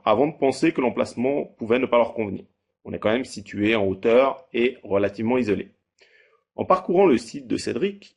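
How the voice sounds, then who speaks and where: A man in his thirties giving a measured, read-aloud testimonial as a holiday rental owner. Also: mid-range voice, vocal fry, darkish tone, breathy edge. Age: 30s. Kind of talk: scripted testimonial.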